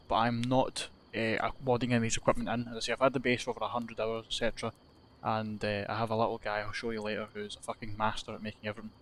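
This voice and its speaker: A young man from Scotland, a gaming YouTuber, rambles through self-deprecating commentary while playing a game, swearing casually. His voice is mid-range and a bit bright, with slight background noise.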